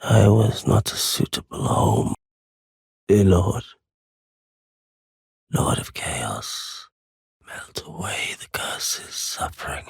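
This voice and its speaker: A man with a fairly low, husky, breathy, gravelly voice plays a weary, courteous wandering merchant darkened by anguish in dramatic video game voice acting. His exaggerated delivery is measured and hushed, with formal wording, on a dry recording.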